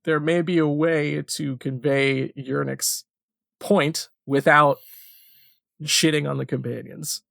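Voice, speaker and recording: A man's voice: on the high side, steady tone, slow, vocal fry, a bit bright, no room sound, studio quality. A man running a tabletop game as game master, talking casually and thinking aloud.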